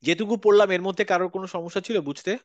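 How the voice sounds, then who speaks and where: A man's voice: high-pitched, fairly even intonation, very fast, no room sound, lo-fi sound. A man teaching Quran letter pronunciation in an online class, patiently repeating each sound. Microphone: video call.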